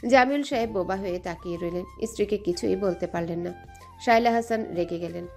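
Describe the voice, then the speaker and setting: A woman narrating an audio love story with steady, expressive storytelling. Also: medium pitch, brisk, faint music behind. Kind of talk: scripted dramatic narration.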